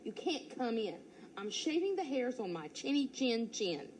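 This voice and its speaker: A woman's voice: a little high, very animated, moderate pace, a little mellow, a little hiss or hum, pitched above the performer's own voice, rough recording. Woman playing a grumpy little pig, a bit raised, storybook. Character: grumpy little male pig hiding indoors.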